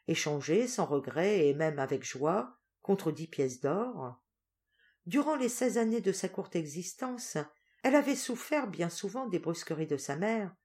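A woman reading a storybook audiobook as narrator, in an expressive, steady storytelling manner. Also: fairly low pitch. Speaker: audiobook reader. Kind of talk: scripted narration.

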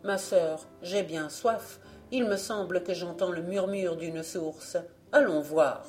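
A woman's voice: on the low side, slow pace, darkish tone, faint music behind. A woman voicing a young boy, a hungry and restless brother who speaks wearily and complains, in a storybook reading. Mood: thirsty. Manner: weary, complaining.

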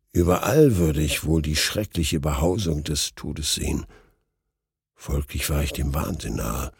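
A man narrating a story with a measured, dramatic reading. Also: low-pitched, a little mellow, husky, no echo, studio quality. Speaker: audiobook narrator.

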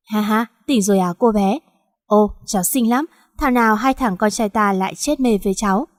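A woman's voice: medium pitch, fairly quick, dry recording, studio quality, long reverb tail, close to an everyday voice. Woman narrator doing a scheming old boss, mocking and smug, storybook reading. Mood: gloating. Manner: gloating, mocking. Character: cold scheming older male crime boss.

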